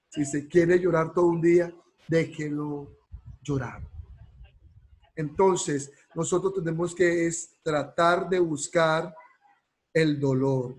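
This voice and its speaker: A man's voice: fairly high pitch, husky, low-quality recording. A man teaching a counseling class. He asks rhetorical questions and keeps checking in with his students. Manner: slows right down to stress key words. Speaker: counseling course lecturer. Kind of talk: class lecture.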